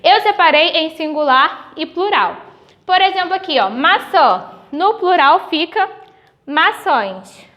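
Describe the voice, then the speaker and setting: A woman teacher with a Brazilian accent giving a recorded grade-school lesson, patiently spelling out sounds slowly. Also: very high voice, lively intonation, lo-fi sound. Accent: Brazilian Portuguese.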